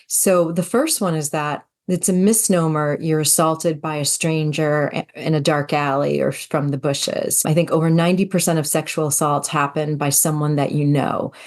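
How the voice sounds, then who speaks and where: A middle-aged woman co-hosting a podcast, telling her account in an earnest, storytelling way. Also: low voice. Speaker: podcast co-host. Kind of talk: conversational podcast discussion.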